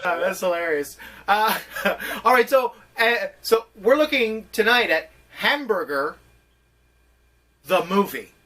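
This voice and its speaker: A man co-hosting a casual comedy podcast about movies, playful and quick to laugh. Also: high-pitched, expressive, sharp tone, distant mic. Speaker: podcast co-host.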